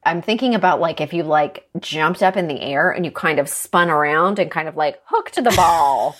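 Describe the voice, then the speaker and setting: A woman's voice: low-pitched, expressive, moderate pace, fairly bright tone. Playful woman acting out guesses. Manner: playful, acts out scenes in bursts of voices. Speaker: quiz guest. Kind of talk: casual chat.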